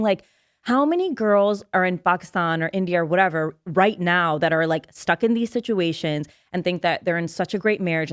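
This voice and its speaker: A young woman co-hosting a podcast, retelling a story in a lively, rambling way and swearing freely, recorded in a studio. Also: fairly low pitch, dry recording. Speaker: podcast co-host. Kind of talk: casual chat.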